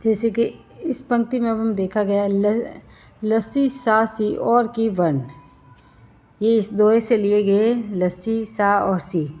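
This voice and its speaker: A Hindi teacher gives a classroom lesson on Hindi grammar, explaining each step and asking questions along the way. Her medium-pitched, dark voice is slow and fairly even, with soft background music in a dull, slightly lo-fi recording.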